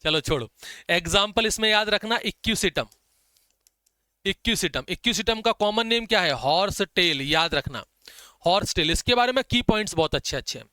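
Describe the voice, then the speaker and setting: A man gives a biology lecture for exam prep, dictating notes and drawing out key terms slowly so students can copy them. His voice sits high and comes through clear and smooth. The recording is dry and close, with no room sound. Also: animated, bright, forceful tone, no echo. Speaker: biology teacher.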